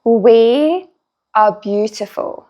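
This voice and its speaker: A woman teacher leads a beginner English lesson. She speaks at an extremely slow pace and pauses between every word. The sound is a little dull and lo-fi. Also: on the high side. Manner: slow, clear, deliberate drilling with long pauses.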